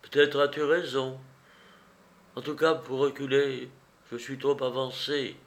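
A man's voice: mid-range voice, little pitch movement, unhurried, natural voice. A proud, stern noblewoman, read by a man. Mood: proud resolve. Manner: solemn, proud.

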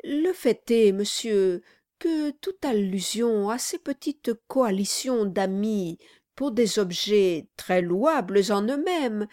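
A woman's voice: a little high, warm tone. A woman voicing an obsequious, nervous male lawyer who speaks hesitantly and deferentially in an audiobook. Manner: fawning, hesitant, deferential "monsieur".

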